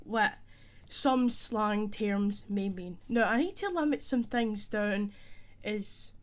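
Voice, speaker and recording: A woman's voice: medium pitch, slow pace. A young woman with a thick Scottish accent, chatting playfully and loosely as a teacher in a spoken role-play. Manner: chatty, playful and rambling, heavy dialect.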